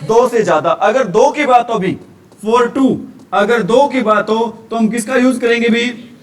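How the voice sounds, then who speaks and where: High-voiced male teacher, heard from afar. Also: unhurried, distant mic. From India. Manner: asks questions then answers them himself. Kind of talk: grammar revision lecture.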